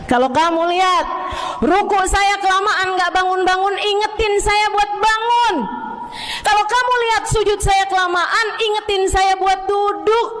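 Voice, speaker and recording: A woman's voice: very high voice, steady tone, unhurried, fairly bright tone, a little hiss or hum, voice pushed up. A woman preacher voicing an earnest, devout early caliph, an older man giving pleading instructions. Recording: long hall reverb.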